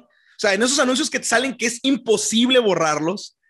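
High-pitched northern Mexican man, slangy bro talk. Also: expressive, fairly quick, a bit bright, slightly rough. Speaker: podcast co-host. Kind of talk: casual chat.

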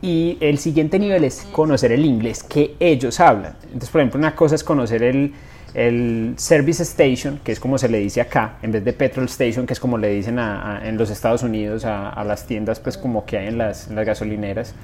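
A man's voice: medium pitch, brisk, darkish tone. A young adult man, co-hosting a casual podcast, joking and rambling through explanations. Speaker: podcast co-host.

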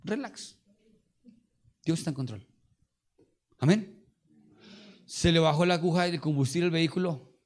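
A middle-aged man with a Colombian Spanish accent, a pastor preaching a sermon with lively storytelling and call-and-response. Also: a little high, measured pace, long pauses.

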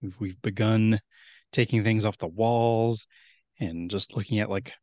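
Low-voiced man casually hosting a podcast. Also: steady tone, a little slow, mellow, no echo, dull audio. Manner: rambling, friendly, with many restarts. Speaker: podcast host.

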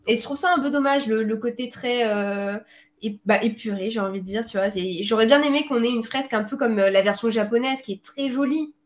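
A woman's voice: on the high side, fairly quick. A woman chatting on an online podcast, talking freely with many fillers and small restarts. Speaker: podcast panelist. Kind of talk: casual online chat. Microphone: home computer mic on a video call.

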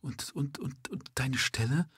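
A man's voice: on the high side, sing-song, brisk, husky, no echo, studio quality, pitched above the performer's own voice, full character voice. A man voicing a worried working-class mother who pleads in a trembling voice. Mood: anxious pleading. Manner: tremulous and pleading.

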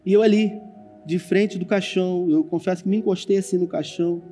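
Mellow Brazilian pastor preaching. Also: male voice, sits high, steady tone, a little fast, faint music behind. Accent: Brazilian Portuguese. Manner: dramatic storyteller, addresses congregation directly. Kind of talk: sermon with personal storytelling. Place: church stage with screen.

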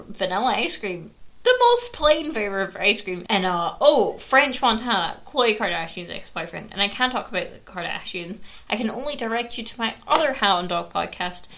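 Bright-voiced woman rambling sarcastically. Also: medium pitch, creaky. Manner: rambling, sarcastic, many fillers. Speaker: podcast host. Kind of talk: casual podcast chat.

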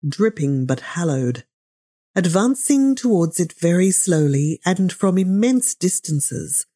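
A woman narrating a novel as an audiobook, in a measured, gently ironic storytelling manner. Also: fairly low pitch, husky.

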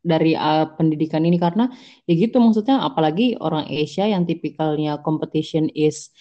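A woman's voice: sits low, brisk, mellow, muffled recording. A woman hosting a remote podcast from home, asking questions casually with hesitant fillers. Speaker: podcast host.

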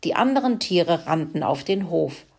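A woman reading a children's farm-animal story aloud in a slow, lively storybook manner. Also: lowish voice, creaky, slightly rough.

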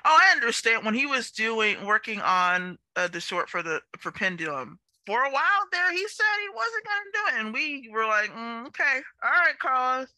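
Forceful, bright woman podcast host. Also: a little high, very animated, moderate pace, few pauses, dry recording. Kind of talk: casual chat interview.

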